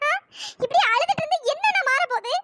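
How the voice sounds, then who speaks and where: A woman's voice: extremely high pitch, expressive, fast, pushed and bright, no room sound, exaggerated voice. A woman voicing a worried younger sister in a cartoon story, earnest and pleading.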